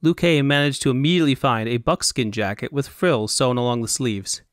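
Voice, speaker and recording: A man narrates his own fantasy audiobook in a steady, even manner. His voice sits at an average pitch, recorded dry and close. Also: fairly quick, dry recording. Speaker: narrator and author.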